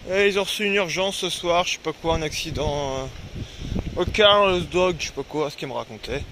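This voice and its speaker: By a river, a young man talks to camera in an easygoing travel vlog, addressing both his audience and his dogs and letting out the odd curse when annoyed. His pitch is fairly high and his pace moderate, and the tone is bright and forceful against slight background noise.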